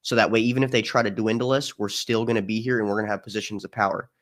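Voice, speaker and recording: A man's voice: on the low side, very fast. A man speaking as a guest in a casual chat, telling stories animatedly and acting out quoted people. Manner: animated storyteller, acts out quotes.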